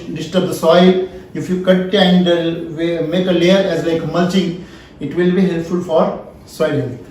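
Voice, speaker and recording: High-pitched and a little mellow, the voice of a farming seminar's founder comes from far off in an echoey room. He speaks Indian English, repeats his points, and keeps asking the audience "yes or no?" in call-and-response.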